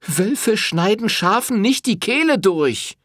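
Man putting on a fiery young woman, high strained voice, indignant, dry close sound, audiobook. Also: big pitch swings, slow pace, no room sound, exaggerated voice. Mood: defiant. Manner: indignant, defiant, shouting. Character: fierce defiant young Sicilian woman farmer.

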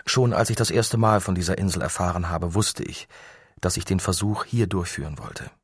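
A man's voice: sits low, normal speed, husky, dry recording, clean studio sound. A man reading a proud, earnest inventor. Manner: earnest, persuasive explaining. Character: proud, driven male inventor.

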